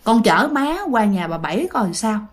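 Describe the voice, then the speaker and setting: A woman voicing a calm old grandmother. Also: mid-range voice, normal speed, close to an everyday voice.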